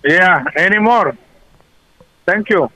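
A man's voice: high voice, expressive, takes it slowly, pushed and bright. A man, a native Spanish speaker, answering an unexpected phone call with curt, terse refusals. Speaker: prank call target.

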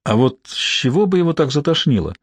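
A man narrating an audiobook in a measured, even storytelling manner. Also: a little high, slightly rough, no room sound. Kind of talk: scripted narration.

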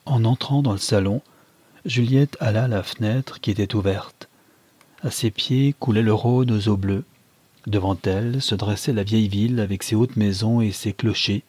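Low husky male audiobook narrator. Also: moderate pace, a little mellow, no room sound. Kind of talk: scripted literary narration.

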